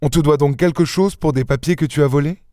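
A man reading an audiobook and voicing a suave gentleman thief with an airy, teasing, self-assured manner. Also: a little high, fast talker, dry recording, clean studio sound, pitched above the performer's own voice, natural voice. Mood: mocking, stern.

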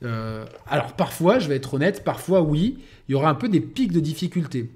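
A man's voice: on the high side, big pitch swings, a little fast, a little mellow. A man reviewing a video game in a casual, rambling way, often restarting his sentences. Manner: rambling, many restarts and fillers.

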